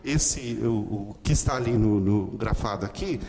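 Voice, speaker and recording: A man teaching an online lesson, explaining slowly and often checking in with "ok?". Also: fairly low pitch, big-room sound, background noise. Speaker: Greek teacher.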